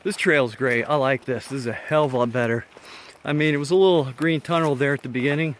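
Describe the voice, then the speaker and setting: A man's voice: medium pitch, fairly even intonation, fast. Out-of-breath man hiking a mountain trail. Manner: casual, enthusiastic, plainspoken. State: out of breath from climbing. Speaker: hiker filming his trip. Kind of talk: casual vlog narration while hiking. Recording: noisy outdoor recording.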